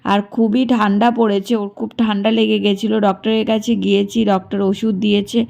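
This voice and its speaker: A woman's voice: mid-range voice, flat delivery, fast, creaky, a little mellow. A young woman narrating her family vlog in a chatty way, doting on her baby. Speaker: vlogger.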